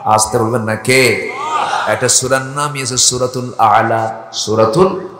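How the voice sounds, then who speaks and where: A man's voice: mid-range voice, fairly even intonation, a little slow. A man with a Bangladeshi Bengali accent preaching at an outdoor gathering on a school field, firing questions at the crowd and leading them in chanted recitation. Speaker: Islamic preacher. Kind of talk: open-air sermon with chanted recitation. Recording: echoey open-air PA sound.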